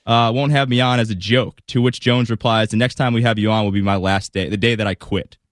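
A man's voice: on the low side, steady tone, a little fast, no echo, clean studio sound. A male talk radio co-host reading an article aloud, amused and laughing along.

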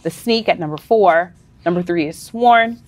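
A woman co-hosting a podcast, chatting casually, playful and quick to laugh, calling listeners honey. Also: lowish voice. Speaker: podcast co-host.

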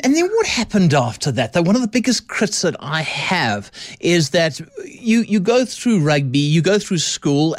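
A man's voice: on the high side, no echo, clean studio sound. A South African man hosting a radio sports talk show, chatty and enthusiastic. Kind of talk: radio interview.

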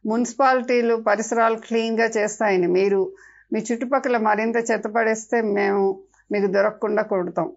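A woman's voice: on the high side, steady tone, moderate pace, muffled recording. A woman voicing a swarm of cheeky mosquitoes that scold and lecture in a storybook tale. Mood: lecturing.

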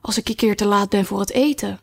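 A woman's voice: mid-range voice, fast, gravelly. A woman reading aloud voices a polite, curious young girl in a storybook. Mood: eager. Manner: eager and inquisitive.

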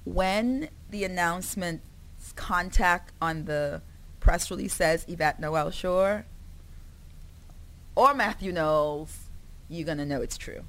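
Caribbean-born woman, publicist guest, chatty, laughs a lot, lowish voice. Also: slow, pauses often. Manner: animated, laughing, repeats herself. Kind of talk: conversational interview.

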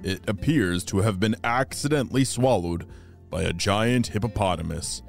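A man voicing a stern male spy headquarters chief who gives orders, heard as a distant voice over a buzzing message device and speaking slowly and formally. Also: fairly low pitch, vocal fry, soft background music, pitched below the performer's own voice. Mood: commanding. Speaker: podcast storyteller.

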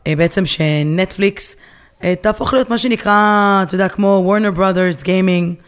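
A woman with an Israeli accent co-hosting a casual discussion, often pausing to search for her words. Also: mid-range voice, smooth. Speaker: podcast co-host.

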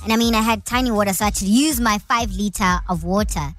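A woman radio host, telling her own bad day through a pitch-shifted chipmunk voice filter in a wry, complaining way. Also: quick pace, fairly bright tone, soft background music. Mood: fed up. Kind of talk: radio segment reading a listener-style voice note.

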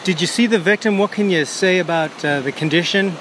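Male field interviewer, higher-pitched and very quick, with noisy outdoor sound. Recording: noisy outdoor recording, off-mic.

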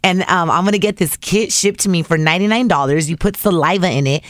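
A woman's voice: lowish voice, quick pace, no echo, clean studio sound. A woman co-hosting a casual podcast, chatty and laughing easily, slipping Spanish phrases into her talk. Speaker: podcast co-host. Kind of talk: casual chat.

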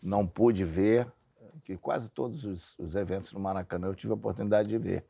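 Gravelly low-voiced man. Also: steady tone, normal speed, dark tone, dry recording. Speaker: guest. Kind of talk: casual storytelling in a group chat.

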